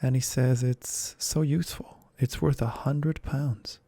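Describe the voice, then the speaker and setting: A man voicing a polite, eager young girl in a soft whispered role-play. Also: medium pitch, fairly even intonation, a little slow, slightly rough, no room sound. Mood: earnest. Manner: earnest, eager, soft-spoken.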